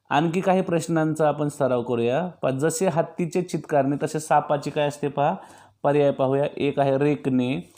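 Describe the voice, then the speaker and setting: Patient man with a mellow voice. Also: fairly high pitch. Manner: patient, walks through each option and answers his own questions. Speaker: teacher. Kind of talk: exam-practice lesson for young pupils.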